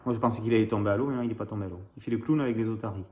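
A man's voice: on the low side, racing, a little hiss or hum. A man reading a picture book aloud to young children, talking to them directly and then quizzing them. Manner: animated, addresses children directly. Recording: roomy echoey room.

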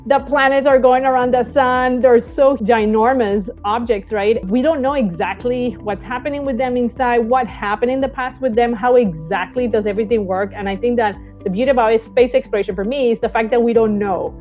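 A woman's voice: a little high, fairly quick, few pauses, soft background music. Eager Colombian woman, muffled video call. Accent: Colombian Spanish. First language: Spanish. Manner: eager, explanatory, tags lines with "right?". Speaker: space mission flight director. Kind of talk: recorded video interview. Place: small indoor room, seated in an armchair. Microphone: wired earbud mic on a video call.

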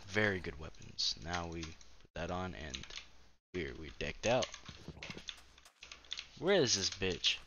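A man giving casual gameplay commentary as host of his own gaming channel, excitable and profane, trash-talking and breaking into sudden yelps. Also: deep voice, dull audio, background noise.

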